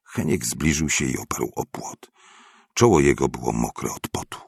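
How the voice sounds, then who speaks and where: A man narrating a story aloud in a measured, expressive audiobook reading. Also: a bass voice, gravelly, breathy edge, dry recording, clean studio sound.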